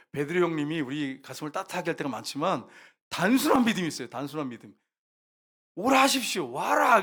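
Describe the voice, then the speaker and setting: Man, pastor, sermon, animated delivery, slightly high-pitched. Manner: lively preaching, acting out quoted voices. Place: church sanctuary.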